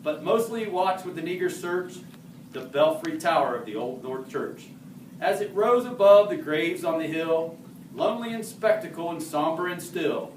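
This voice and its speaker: A man with a fairly high, animated voice recites a narrative poem at normal speed, playing a historical horseman. As an amateur reader he sometimes trips over harder words and corrects himself, and the roomy recording from a distant mic carries faint background noise.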